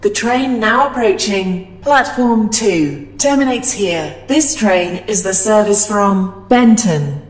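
A woman voicing an automated station platform announcement, calm, formal and measured. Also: mid-range voice, echoey room, slight background noise, poor audio. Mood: announcing.

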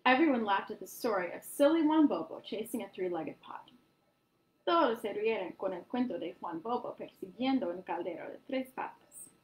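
A woman storyteller reading a picture book aloud to children in an animated way. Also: mid-range voice, normal speed, rough recording. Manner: animated, addresses young listeners.

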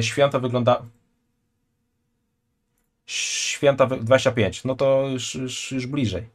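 A man in his twenties, joking and chatting loosely while reacting to a video on a live stream from a small room at home, speaking into a headset. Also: medium pitch. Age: 20s. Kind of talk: casual live-stream commentary.

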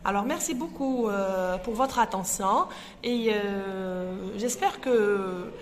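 A native Arabic-speaking woman serves as host and teacher for a young children's reading lesson held in a large hall. Speaking in a mid-range voice, she sounds out syllables slowly, pausing with hesitant fillers.

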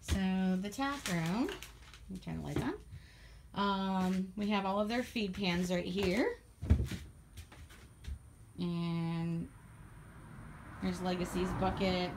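A woman giving a casual walkthrough of her horse barn on a handheld phone, chatty and quick to laugh as she points things out. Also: medium pitch, noisy background. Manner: chatty, laughs often, lists items as she goes. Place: horse barn, paddock and tack room, in and out of doors. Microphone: handheld phone camera.

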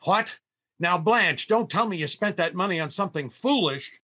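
An older man with a high-pitched, bright, pushed voice plays a long-suffering, scolding husband and father in an old-time radio comedy. He speaks at normal speed, heavily acted, animated, theatrical and exasperated as the grumbling character, in a slightly dull online recording.

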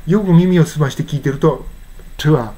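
A man with a Japanese accent teaching English pronunciation in a casual spoken lesson, explaining and then saying phrases very slowly. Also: on the high side, over music. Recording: faint background noise.

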